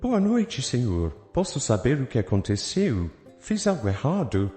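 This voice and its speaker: A calm, polite businesswoman in her thirties, as a male storyteller puts her on, speaking in a higher, softened voice. The tone is mellow and warm, and the pitch rises and falls a great deal. The recording is echoey, with faint music behind it. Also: moderate pace, lightly acted. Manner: polite and composed.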